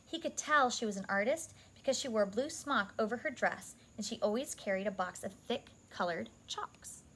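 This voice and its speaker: This woman, fairly high-pitched, shares a picture book with young children through lively, measured storytelling and side remarks to her listeners. Slight background noise is present.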